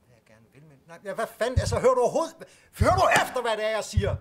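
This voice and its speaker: A man's voice: fairly high pitch, fairly bright tone, lightly acted. Man playing a stammering, exasperated patient. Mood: distressed. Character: distressed man with obsessive thoughts seeking new medication. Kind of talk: student film acting.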